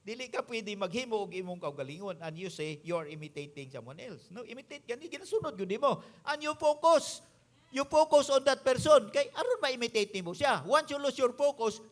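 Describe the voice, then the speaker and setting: A male pastor with a Visayan Filipino accent, preaching an emphatic sermon that moves between English and his local language. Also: extremely high pitch.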